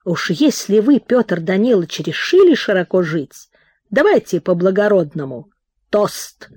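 A woman's voice: medium pitch, sing-song, measured pace, a little mellow, slightly rough, dry recording, studio quality. A woman doing a swaggering flirtatious police officer. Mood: pompous. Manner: gallant, pompous.

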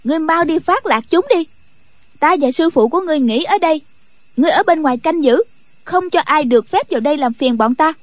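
A man's voice: very high voice, animated, a little fast, no echo, pitched above the performer's own voice. A man voicing a mischievous young girl who teases and bosses others around in an audiobook. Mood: teasing. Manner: cheeky, giggling, bossy. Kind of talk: audiobook character voice.

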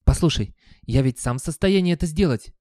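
A man's voice: mid-range voice, lively intonation, normal speed, mellow, no room sound, clean studio sound, voice pushed up, natural voice. Gaspod, a man voicing a grumbling old dog. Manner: grumbling, wheezy and sarcastic. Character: grumpy scruffy old male talking mongrel dog.

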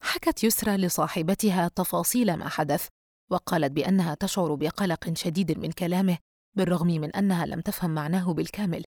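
A woman narrating a horror audiobook in a steady, even storytelling manner. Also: fairly low pitch, quick pace, no echo, clean studio sound.

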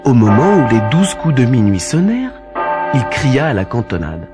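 A man narrating a children's story in an expressive, animated reading. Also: mid-range voice, moderate pace. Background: faint background music.

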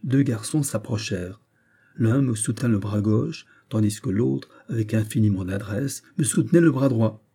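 Dark, husky audiobook narrator, a man. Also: lowish voice. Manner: measured, classic storytelling.

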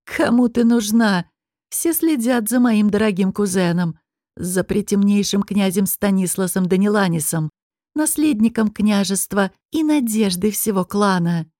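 A smug male demon aristocrat, as a woman narrator puts him on, taunting in a slow mocking drawl. His voice sits dark and mellow, recorded dry and close with no room around it. An audiobook villain who relishes every sneer. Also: mid-range voice, no room sound, natural voice. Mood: gloating. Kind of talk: audiobook character reading.

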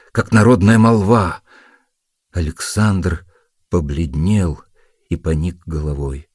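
A man reading a classic novel aloud in a measured, expressive audiobook style. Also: on the low side, breathy edge, no room sound, clean studio sound. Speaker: audiobook narrator.

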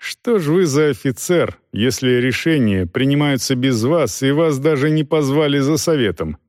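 A man voicing a calm, stern knight commander who talks plainly and dryly. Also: medium pitch, moderate pace, no echo, studio quality, close to an everyday voice. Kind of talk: audiobook character voice.

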